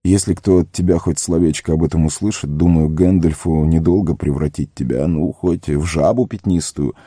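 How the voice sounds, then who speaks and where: A man's voice: extremely low pitch, normal speed, mellow, slightly rough, no room sound, studio quality. A man voicing an earnest young hero in an audiobook, speaking firmly and seriously. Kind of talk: audiobook character reading.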